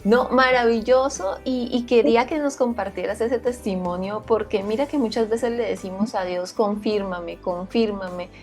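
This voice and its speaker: A woman interviewer reflecting on faith in a calm, teaching tone, often repeating herself. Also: medium pitch, moderate pace, few pauses, soft background music.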